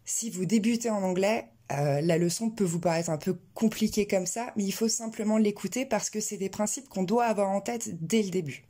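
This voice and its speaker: A woman's voice: medium pitch, mellow. Woman teaching English pronunciation. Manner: clear, explanatory, slows to model English words. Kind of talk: pronunciation lesson.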